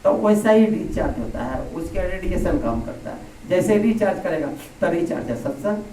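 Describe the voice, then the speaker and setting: A man preaches to a gathering, his rather high, mellow voice carried through a microphone into a big echoing hall. He is heard from some way off, with a faint murmur of the room behind him. He repeats his key phrases and leans on homely comparisons. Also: animated, moderate pace, slight background noise. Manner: explains by plain everyday comparisons. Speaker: spiritual teacher. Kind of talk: satsang sermon. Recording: echoey hall, speaker heard from a distance.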